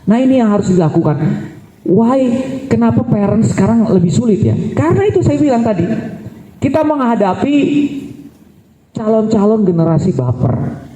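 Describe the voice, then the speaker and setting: Middle-aged guy giving a parents seminar, kinda high voice but dark and mellow, echoey school hall. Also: expressive, moderate pace, long pauses. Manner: mixes English phrases into Indonesian, acts out what he says to his kids.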